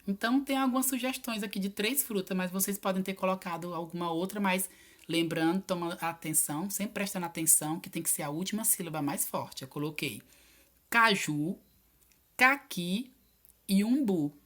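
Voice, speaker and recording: A woman teacher, patiently going over homework answers in a recorded video lesson and spelling out each word slowly. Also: lowish voice. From Piauí, Brazil.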